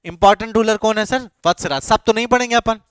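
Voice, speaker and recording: A man with a high, light voice runs an exam-prep class, firing the same question again and again before he answers it himself. He slips English phrases into his speech and. The sound is dry, close and free of room echo. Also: quick pace, clear, resonant tone. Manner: quizzes students with repeated questions, then answers himself. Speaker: coaching teacher.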